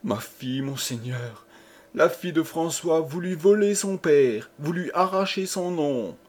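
A man's voice: mid-range voice, a little slow, a little mellow, breathy edge. A man voicing a young noblewoman who stammers and sobs her desperate pleas. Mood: desperate pleading.

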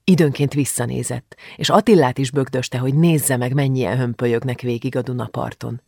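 Brief: male narrator, measured storytelling, mid pitch, gravelly texture. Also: fairly even intonation, dark tone, no room sound, clean studio sound. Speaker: audiobook narrator. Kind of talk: scripted narration.

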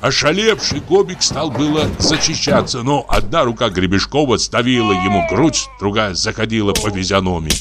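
A man narrates a classic story with measured, expressive delivery. His pitch rises and falls in a lively way. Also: over loud music. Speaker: audiobook narrator. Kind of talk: literary audiobook reading.

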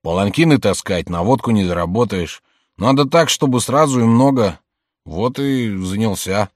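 A man's voice: on the low side, expressive, moderate pace, no echo, studio quality. A man reading aloud and voicing a scarred, bitter brawler turned robber who speaks bluntly and resentfully.

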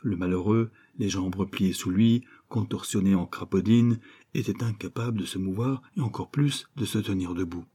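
A man reads an adventure novel aloud in a steady, measured way. His voice sits low and mellow, with a husky grain. The telling is even and unhurried. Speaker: narrator. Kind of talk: audiobook narration.

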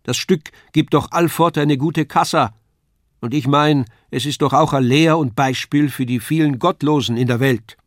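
Guy doing a soft-hearted puppeteer dad calling out, raised voice. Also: fairly high pitch, extremely slow, hardly any pauses, no room sound, clean studio sound, pitched above the performer's own voice. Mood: placating. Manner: calling across a room, placating. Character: gentle, soothing puppeteer husband.

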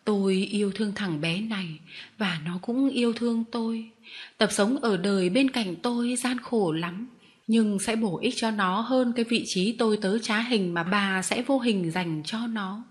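A stern old man who runs a travelling show of performing dogs, as a woman reading the story gives him voice. He speaks in curt, commanding words at an ordinary pitch, and he expects to be obeyed. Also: normal speed, close to an everyday voice. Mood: firm. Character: stern old male street-show master.

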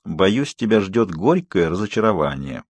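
A man's voice: very animated, moderate pace, breathy edge, no echo, heavily acted. Edward, a man voicing a cold, sneering teen boy. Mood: cold, irritated. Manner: curt, sneering, low and hushed. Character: cold, irritated teenage vampire boy. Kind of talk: audiobook reading.

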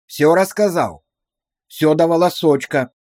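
A man's voice: a little high, a little slow, darkish tone, dry recording. Man doing a strict village cop, short bossy phrases, dry close sound. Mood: stern. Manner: curt, commanding. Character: stern rural police officer, gruff and dry.

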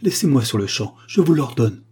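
A man voicing a proud, distraught young noblewoman in mourning, with sharp, indignant cries. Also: medium pitch, normal speed, pitched above the performer's own voice, close to an everyday voice. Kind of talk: audiobook character voice.

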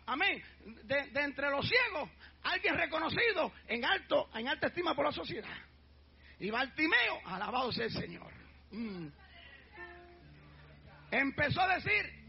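A man preaching a fiery sermon as pastor, shouting out refrains and crying out praises between phrases. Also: very high voice, gravelly. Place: church. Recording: dull lo-fi church recording with faint music.

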